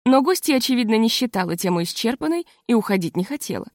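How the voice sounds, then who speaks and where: A woman narrating an audiobook story in an even reading voice. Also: a little high, fast talker, dry recording, studio quality.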